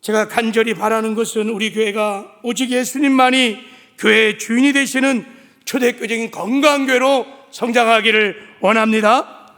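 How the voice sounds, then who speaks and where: Man, senior pastor, high voice, repetitive emphatic sermon, long hall reverb. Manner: emphatic, repetitive preaching that builds to shouts. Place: church sanctuary.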